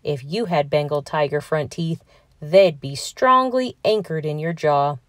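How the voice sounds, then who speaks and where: A woman reads a children's picture book aloud in a scripted read-aloud style, enunciating clearly and adding expressive emphasis. Her voice is low-pitched and unhurried, captured in clean studio sound with no room sound.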